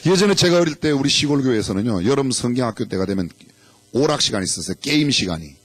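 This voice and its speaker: A middle-aged male pastor preaches a sermon in a church sanctuary, playfully steering the congregation through a game. His mid-range voice has lively intonation, he talks fast, and there is no echo.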